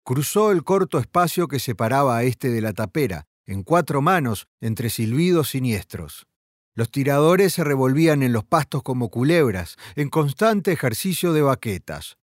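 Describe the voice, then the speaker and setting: A man narrating an audiobook in a dramatic, expressive reading. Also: mid-range voice, normal speed, dry recording, clean studio sound.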